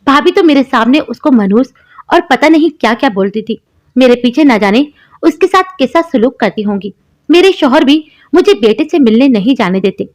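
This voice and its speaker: A young woman narrating a first-person story in a steady, emotional storytelling manner. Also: sits high, moderate pace. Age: young adult.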